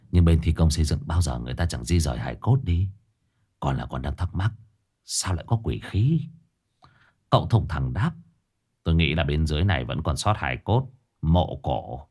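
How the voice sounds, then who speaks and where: A man narrating a ghost story in an expressive storytelling manner. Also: a bass voice, slightly rough.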